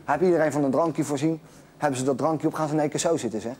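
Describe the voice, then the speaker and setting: A man's voice: on the high side, a little mellow, slight background noise. A man telling a long joke about a café owner, laughing as he goes. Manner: rapid, laughing while telling. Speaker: joke teller.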